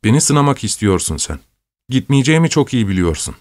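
A man's voice: medium pitch, sing-song, fairly quick, dry recording, voice pushed up, natural voice. A man voicing a playful young woman in love, tender and a little sulky, in a storybook reading. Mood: tender, teasing. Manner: teasing and tender, softly sulky.

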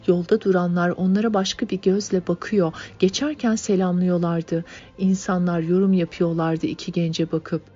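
A woman narrating a novel in a calm, steady reading voice. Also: on the low side, moderate pace. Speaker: audiobook narrator. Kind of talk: scripted narration. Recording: dull lo-fi audiobook, faint music.

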